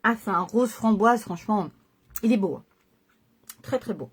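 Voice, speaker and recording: A woman's voice: mid-range voice, a little slow, husky. A middle-aged woman chatting casually through a makeup tutorial at home, hesitating and correcting herself as she goes. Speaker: makeup vlogger.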